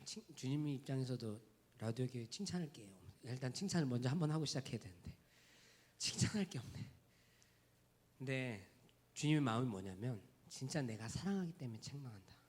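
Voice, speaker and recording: A male pastor preaching a sermon in a direct, conversational way, dropping to hushed near-whispers and building to loud, rising emphatic lists. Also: medium pitch, lively intonation, quick pace, breathy edge. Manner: speaks to the congregation in a direct, conversational tone.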